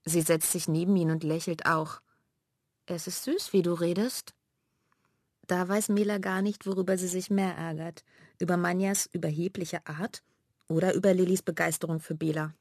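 A woman narrating a children's audiobook in a clear storytelling manner. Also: on the low side, steady tone, a little fast, darkish tone, no echo, clean studio sound.

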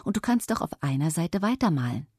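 A woman reading a grandfather who patiently reasons with a child in a storybook, in a low, husky voice. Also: big pitch swings, brisk, no echo, clean studio sound, heavily acted. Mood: coaxing. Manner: gentle, persuasive.

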